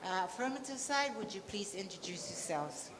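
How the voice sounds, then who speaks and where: A woman's voice: medium pitch, expressive, moderate pace. A woman chairing a debate with formal announcements. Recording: echoey hall with faint background noise.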